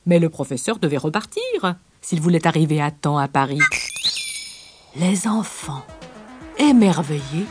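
A woman narrating a children's storybook with a gentle, expressive read-aloud manner. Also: fairly low pitch.

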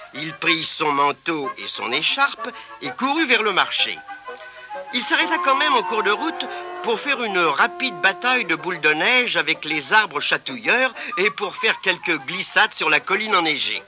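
A man narrating a children's storybook, expressive and lilting. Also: sits high, a little slow, music in the background.

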